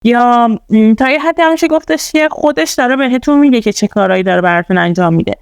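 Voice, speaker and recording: A woman's voice: medium pitch, creaky, clear, resonant tone, no room sound. A woman presenting a casual tutorial. She explains things step by step, with many fillers. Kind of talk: casual screen-recorded tutorial.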